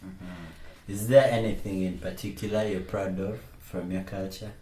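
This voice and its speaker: A man from Uganda interviewing a guest, asking soft-spoken questions with short fillers in between. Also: sits low, fairly even intonation, unhurried. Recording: echoey room with faint noise.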